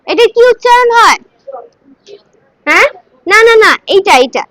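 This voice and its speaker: High bright woman teaching recitation. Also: big pitch swings, unhurried, no room sound, low-quality recording. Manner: coaxing, asks students to repeat syllables. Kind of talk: line-by-line Sanskrit pronunciation lesson.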